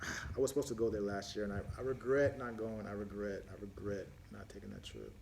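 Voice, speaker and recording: A man's voice: lowish voice, animated, brisk, vocal fry, noisy background. A man hosting a casual live-stream Q&A on his phone, rambling with many fillers and restarts as he answers viewer questions one by one.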